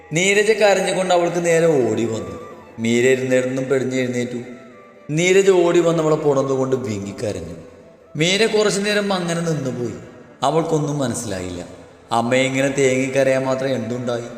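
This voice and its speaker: A man narrating a dramatic story in a steady, measured reading. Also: mid-range voice. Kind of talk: scripted narration. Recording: roomy long reverb, faint music.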